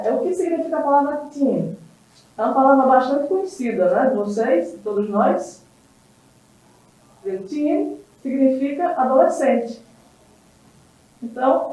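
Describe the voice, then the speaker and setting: A woman from Brazil teaching a televised English lesson, slow and patient, pausing often to check that the class follows and repeating key words. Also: high-pitched, warm tone. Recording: roomy, distant, dull sound.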